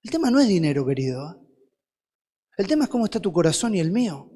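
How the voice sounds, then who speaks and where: A man's voice: sits high, very animated, fast, mellow. A man with a Rioplatense Spanish accent preaching a sermon as a guest preacher, firing rhetorical questions at the congregation and answering them himself. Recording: long hall reverb.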